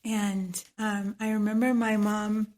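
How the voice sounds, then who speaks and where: A woman's voice: medium pitch, level tone, slow, a little mellow. A woman from Trinidad with a Trinidadian accent, speaking as a guest on a podcast, reflective and often laughing. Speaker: guest, medical esthetician. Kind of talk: podcast interview.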